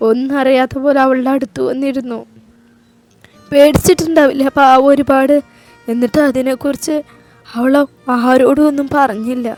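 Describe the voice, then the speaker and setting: A young woman confesses through tears, pleading and remorseful. A woman narrator plays her in a very high voice. Soft music hums beneath. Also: steady tone, moderate pace, no room sound, natural voice. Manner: tearful, pleading. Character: guilt-ridden young woman, older sister figure.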